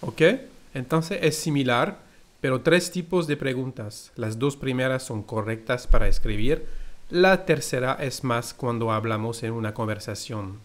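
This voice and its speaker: A man's voice: medium pitch, measured pace. A man with a French accent teaching a language lesson, explaining carefully and reading out French example phrases.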